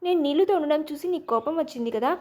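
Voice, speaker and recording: A woman reads the lines of a young husband in an audio storybook, playful and pleading as he tries to win his wife back. His voice sits high, since she keeps her own pitch for the man. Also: rapid-fire, darkish tone, natural voice. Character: young adult man, a teasing, exasperated husband and father.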